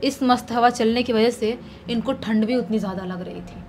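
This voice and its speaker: A woman's voice: on the high side, moderate pace, faint music behind. Chatty woman telling a horror story. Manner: conversational, animated retelling. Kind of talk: casual spoken horror storytelling.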